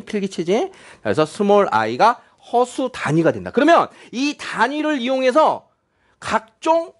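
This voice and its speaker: Middle-aged man, high animated voice, chatty classroom lecturer who quizzes students. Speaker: math teacher.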